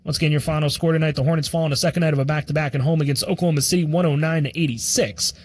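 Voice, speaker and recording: A man hosting a radio post-game show, giving the final score and highlights in a brisk announcer read with sponsor plugs. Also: little pitch movement, darkish tone, no echo. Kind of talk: scripted sports radio recap. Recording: music bed under the voice.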